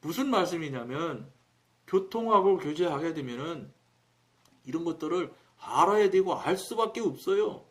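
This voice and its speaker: A man preaching on his own broadcast, telling a story in a colloquial, animated way and acting out the dialogue. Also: a little high, moderate pace. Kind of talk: storytelling sermon.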